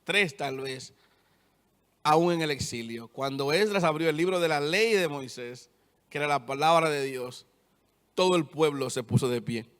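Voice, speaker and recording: A young male preacher with a fairly high voice delivers a sermon, retelling scripture and pressing each point home with firm, repeated statements. His words ring out with a long reverb, as in a church hall. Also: normal speed, fairly bright tone, clear, resonant tone.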